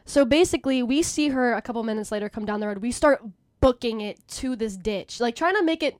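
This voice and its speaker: A young woman co-hosting a podcast, telling a story in casual chat, animated and full of "basically" and "like". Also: on the high side, fairly quick, no room sound, studio quality. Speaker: podcast co-host.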